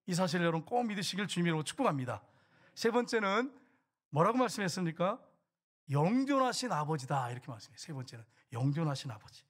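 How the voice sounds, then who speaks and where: A middle-aged male pastor preaching a sermon, asking the congregation questions and swinging between loud and hushed. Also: high-pitched, big pitch swings, racing. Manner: preaching with rhetorical questions and acted quotes, voice rising and dropping.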